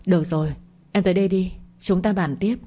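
A woman voicing a steady older colleague who calmly reassures and makes plans. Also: fairly low pitch, fairly quick, natural voice. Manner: reassuring, practical.

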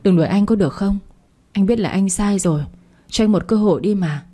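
A woman's voice: mid-range voice, fairly quick, dark tone, lightly acted. Woman doing a remorseful young man begging. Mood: pleading. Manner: begging, apologetic.

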